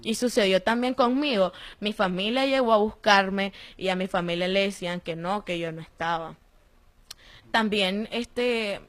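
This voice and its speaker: A young woman with a Nicaraguan accent giving a personal testimony in an interview, telling her story in a lively way and acting out the voices of the people she quotes. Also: mid-range voice. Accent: Nicaraguan Spanish. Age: young adult. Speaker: interviewee, former detainee.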